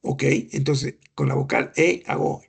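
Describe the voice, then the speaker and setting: A man's voice: medium pitch, level tone, a little slow, creaky, breathy edge. A middle-aged man lecturing on clinical examination, explaining patiently, asking rhetorical questions and imitating breath sounds. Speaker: medical lecturer.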